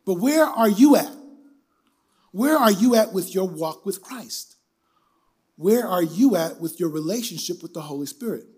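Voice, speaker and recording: An older man preaching a sermon in an emphatic, animated manner, leading the listeners in call-and-response. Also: high voice, unhurried, slightly rough.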